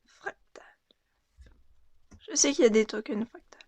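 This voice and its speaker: Soft-spoken young woman, half-whispering. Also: a little high, lively intonation, unhurried, breathy edge, dry recording. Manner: soft, murmured card reading with frequent half-whispers. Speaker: card unboxing vlogger. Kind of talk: casual unboxing commentary, often whispered.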